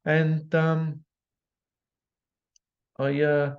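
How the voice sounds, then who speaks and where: A man's voice: a little high, monotone, very slow. Blunt British man, lo-fi podcast. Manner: blunt, exasperated storytelling. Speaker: podcast host. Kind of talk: solo podcast monologue. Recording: slightly dull lo-fi recording.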